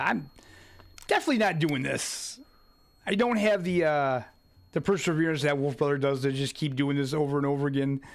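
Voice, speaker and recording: A young man casually commenting on his own live gameplay, muttering asides as he plays. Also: fairly high pitch. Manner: laid-back, muttering asides. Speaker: streamer.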